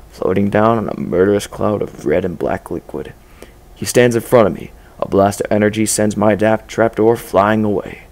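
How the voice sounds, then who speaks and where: A man reads a dark first-person story aloud. His low voice has a gravelly edge, and he narrates in a measured, low-key way. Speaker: story reader.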